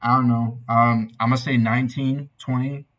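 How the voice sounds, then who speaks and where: A young man giving a casual, tipsy album reaction in a loose, meandering, slightly husky way. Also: mid-range voice, little pitch movement, normal speed, fairly bright tone. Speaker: amateur music reviewer.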